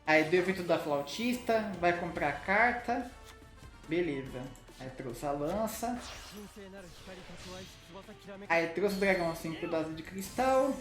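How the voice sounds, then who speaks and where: Casual Brazilian Portuguese gaming host, mid-pitched, informal card game commentary, roomy sound with faint music behind. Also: lively intonation, moderate pace, a bit bright. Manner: informal, with frequent tag questions.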